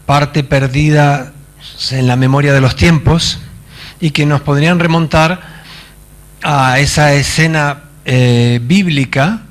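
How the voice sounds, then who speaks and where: A man from Argentina, giving a conference talk in a halting manner with many fillers and wry asides. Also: fairly high pitch. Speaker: conference speaker. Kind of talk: lecture. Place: conference stage.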